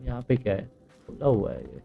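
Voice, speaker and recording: A man's voice: medium pitch, big pitch swings, rapid-fire, gravelly, phone-quality sound, soft background music. A man with an Indian accent giving casual, blunt, heckling commentary as he plays a video game. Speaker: gamer.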